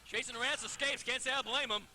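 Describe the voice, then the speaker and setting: A man's voice: very high voice, steady tone, a little fast, noisy background. A man giving wordy colour commentary on wrestling, full of wry asides.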